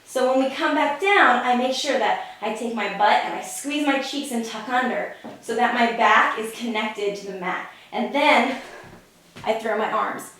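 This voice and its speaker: A woman's voice: fairly high pitch, measured pace, a bit bright. A woman fitness instructor explaining and demonstrating exercise technique, a little out of breath as she moves. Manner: instructive, demonstrates while talking. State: slightly out of breath. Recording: very echoey room, voice from a distance.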